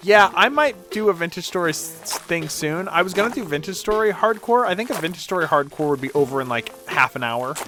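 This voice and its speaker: Over music, a game streamer chats casually in a high-sitting, animated voice, talking a little fast with few pauses. He rambles, cuts himself off, and swears mildly.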